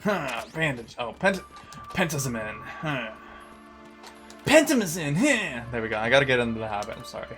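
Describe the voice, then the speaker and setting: A man's voice: mid-range voice, big pitch swings, normal speed, a bit bright, soft background music. Casual sweary male game streamer. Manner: sweary, slangy, bro-talk. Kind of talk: casual live-stream chat while gaming.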